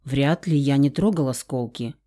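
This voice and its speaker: A woman voicing a calm, reasonable young man who answers in a level way. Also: a bass voice, moderate pace, pitched below the performer's own voice.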